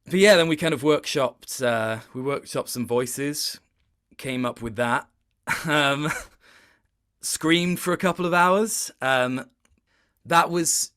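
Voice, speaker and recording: As a casual interview guest, a man sounds like a working actor talking about the job. His medium-pitched voice is a bit bright, and he is thoughtful and slightly self-deprecating, feeling his way through every point.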